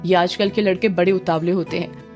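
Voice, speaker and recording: A woman's voice: lowish voice, steady tone, a little fast, darkish tone, soft background music, lightly acted. A woman voicing a harsh, scheming middle-aged mother who scolds and orders her daughter about. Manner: scolding, commanding.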